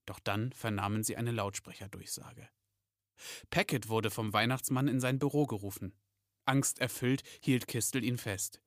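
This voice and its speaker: A man narrating a storybook in a steady, even reading voice. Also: medium pitch, moderate pace, no room sound, studio quality.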